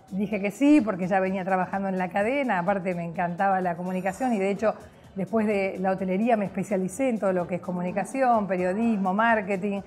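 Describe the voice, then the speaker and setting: A woman's voice: mid-range voice, a little mellow. A middle-aged woman from Argentina with an Argentine accent, cheerfully recounting her career in a chatty way, seated in a hotel lobby. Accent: Argentine Spanish. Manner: cheerful, chatty, with many fillers. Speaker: guest, public relations professional. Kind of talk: personal storytelling to camera.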